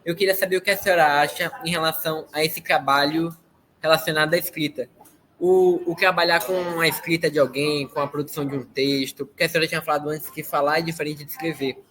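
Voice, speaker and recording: A man's voice: fairly high pitch, steady tone, fast, a bit bright. A Brazilian man politely asking a question in an online workshop, with some hesitations and restarts. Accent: Brazilian Portuguese. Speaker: student participant. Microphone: video call.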